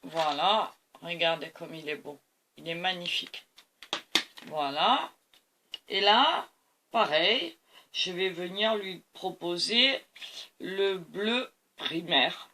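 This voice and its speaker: A woman's voice: lowish voice, animated, slow, long pauses, sharp tone. A tired woman hosting a painting tutorial, talking to camera as she mixes colors and keeps praising them. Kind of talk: art demonstration talk to camera.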